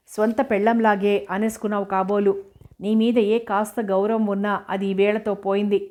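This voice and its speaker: Woman narrator voicing a proud, furious young teacher in a novel reading; scolding, level pitch. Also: natural voice. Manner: sharp scolding retorts.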